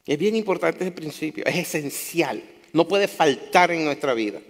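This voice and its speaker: A man preaches an impassioned sermon to his congregation in a church hall, repeating phrases for emphasis. His voice is on the high side and expressive, his pace moderate, and the hall adds a long reverb.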